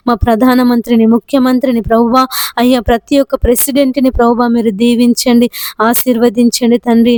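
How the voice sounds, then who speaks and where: A woman's voice: a little high, darkish tone, no echo. A woman leading an extempore night prayer, pleading in a repetitive devotional cadence into a close mic. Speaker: prayer leader.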